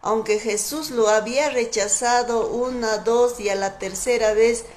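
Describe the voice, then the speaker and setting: A woman preaching a sermon in a slow, emphatic, fervent way, repeating her key words. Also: fairly high pitch, fairly even intonation, darkish tone.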